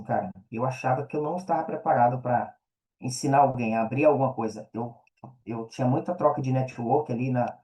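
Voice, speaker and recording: Warm and medium-pitched, this man's voice carries a Brazilian Portuguese accent as he answers interview questions in a casual, conversational way. The guest is an affiliate marketer and mentor who favors slang and often adds check-in tags. It is a low-quality recording.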